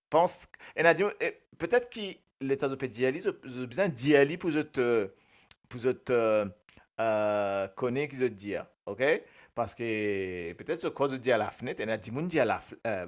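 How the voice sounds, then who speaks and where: A man with a Mauritian accent, hosting a casual radio talk about Creole words; he hesitates with many filler sounds, laughs often and speaks to listeners by name. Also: mid-range voice. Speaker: radio host.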